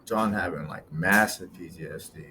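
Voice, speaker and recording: A man's voice: sits low, normal speed, sharp tone, slight background noise. A man reviewing and reacting to a comic episode in loose, slangy commentary with rambling asides.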